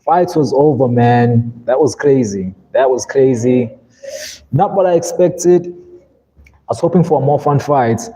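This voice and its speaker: A young South African man whose first language is Zulu chats on a live stream, his mid-range voice warm and husky, a little slow, and the audio poor. He's laid-back and rambling, saying "man" often.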